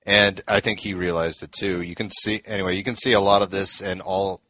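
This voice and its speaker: Guy with a lowish voice rambling through a story, lots of uh and you know, dry close mic. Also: fairly even intonation, brisk, sharp tone, no room sound. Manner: loose storytelling with many fillers and restarts. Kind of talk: casual wrestling history chat.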